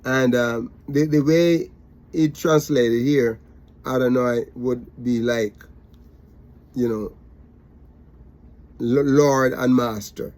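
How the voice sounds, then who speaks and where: A man's voice: medium pitch, steady tone, slow pace, pauses often, a little mellow. A man teaching a Bible study, repetitive and emphatic, with many fillers.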